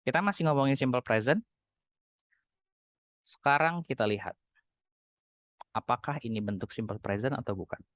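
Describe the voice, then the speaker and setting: A young man with an Indonesian accent giving a recorded university lecture on English grammar, explaining patiently and slowing down to model example sentences. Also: mid-range voice, a bit bright, no room sound.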